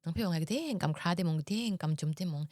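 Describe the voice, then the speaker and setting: A woman's voice: lowish voice, rapid-fire, a little mellow, no room sound, clean studio sound. A woman hosting a solo podcast in a casual, chatty way, often laughing and dropping English words into her talk. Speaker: podcast host.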